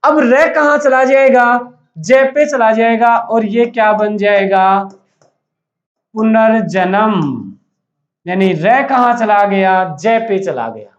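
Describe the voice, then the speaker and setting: A man's voice: sits high, slow pace. A man teaching a grammar lesson to a class, asking questions and answering them himself and repeating the key words. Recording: dull, echoey room recording.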